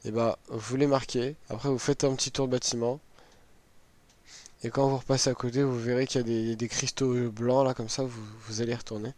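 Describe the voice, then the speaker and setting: A man with a hoarse, worn-out, sick-sounding voice, giving a casual, hesitant walkthrough as a gaming video host. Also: mid-range voice, little pitch movement, brisk, a little mellow, dry recording. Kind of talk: casual game item walkthrough.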